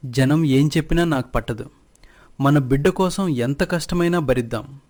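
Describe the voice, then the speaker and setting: A man's voice: medium pitch, moderate pace, darkish tone, lightly acted. Man doing a caring young village mother, anxious, earnest, cartoon story. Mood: tender.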